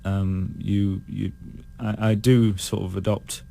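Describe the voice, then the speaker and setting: British guy, low gravelly voice, keeps restarting, kinda thoughtful. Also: flat delivery, mellow. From United Kingdom. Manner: thoughtful, halting with many restarts. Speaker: guest singer. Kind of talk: casual interview chat.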